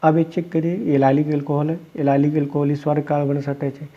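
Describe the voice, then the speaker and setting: Male chemistry teacher, husky tone, patient step-by-step lecturing, muffled lo-fi sound. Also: fairly high pitch, flat delivery, fairly quick. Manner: explains step by step, asks students questions and answers them himself; calls students "beta". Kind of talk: classroom lecture. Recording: dull lo-fi recording.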